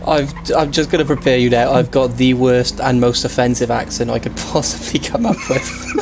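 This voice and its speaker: A man's voice: medium pitch, fairly even intonation, moderate pace, over music. A man streaming a roleplay game, chatting casually and laughing often. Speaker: streamer playing a roleplay server. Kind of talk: casual gaming chat.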